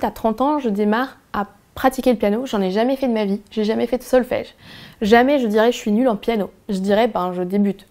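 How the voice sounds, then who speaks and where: Woman, English teacher, casual video lesson, frank and encouraging, mellow tone. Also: fairly high pitch. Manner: frank, encouraging, chatty with many fillers.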